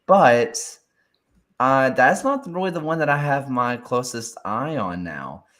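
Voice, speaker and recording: A man's voice: medium pitch, animated, slow pace, fairly bright tone. A man co-hosting a soccer show in casual chat, hesitant, often trailing off and restarting his thoughts.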